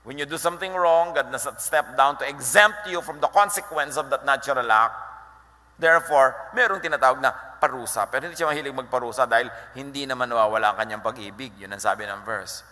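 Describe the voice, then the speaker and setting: Bright-voiced pastor preaching in a hall. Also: male voice, medium pitch, a little fast. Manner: animated, mixing Tagalog and English, quoting scripture. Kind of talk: sermon. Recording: echoey hall with long reverb.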